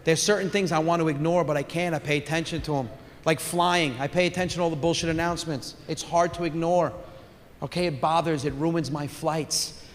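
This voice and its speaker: A man's voice: a little high, fairly even intonation, brisk, a little hiss or hum. A young man doing a brash, profane stand-up set on stage into a handheld mic. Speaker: stand-up comedian. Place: comedy stage in a theater. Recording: live hall reverb, faint crowd.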